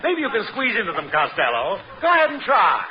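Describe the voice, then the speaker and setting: A high, bouncy salesman, played by a man, rattles off one-liners and chuckles at each of them. The old radio broadcast is muffled and hissy. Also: huge pitch swings, brisk. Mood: jokey. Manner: chuckles at his own gags. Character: pun-cracking male salesman, fond of his own jokes. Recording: noisy dull 1940s radio recording.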